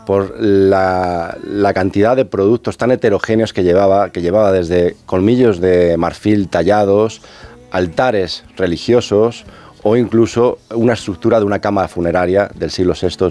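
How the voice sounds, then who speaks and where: Low-voiced male expert guest, radio interview, steady explainer. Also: soft background music. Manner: measured, patient explaining with pauses. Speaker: underwater archaeologist, interview guest.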